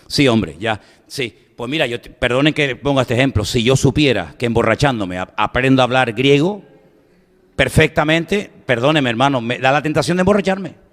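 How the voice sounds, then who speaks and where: A man preaching as a pastor, animated and dramatizing the scenes with humorous asides. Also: medium pitch, moderate pace, in a large hall. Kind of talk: sermon.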